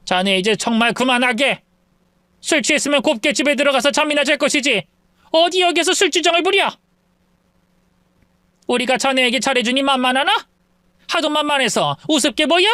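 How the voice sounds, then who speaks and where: A man's voice: very high voice, lively intonation, quick pace, fairly bright tone, smooth, no room sound, clean studio sound, voice pushed up. A man voicing an angry middle-aged mother-in-law who scolds and demands sharply. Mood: furious scolding.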